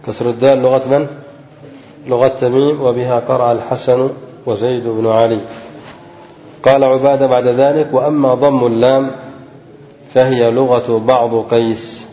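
A male teacher giving a lecture on a classical grammar text: he reads a passage aloud, then explains it slowly and quizzes his students. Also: medium pitch, level tone. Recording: dull, echoey recording in a large hall.

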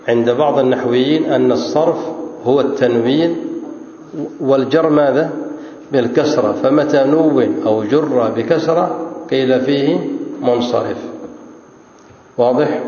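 A man's voice: fairly high pitch, a little mellow. A man teaching a classroom grammar lesson, quizzing his students with repeated questions. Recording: echoey hall, dull lo-fi sound.

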